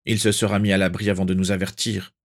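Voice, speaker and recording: A man reading aloud who voices a calm adult male wizard in a reassuring, level way. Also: sits low, quick pace.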